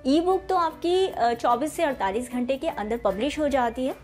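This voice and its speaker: A woman's voice: high voice, normal speed, darkish tone, faint music behind. A woman in her thirties who hosts her own channel explains ideas to the camera in a casual, friendly way, speaking to viewers directly and using fillers often, from an indoor room with bookshelves. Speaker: channel host explaining online selling.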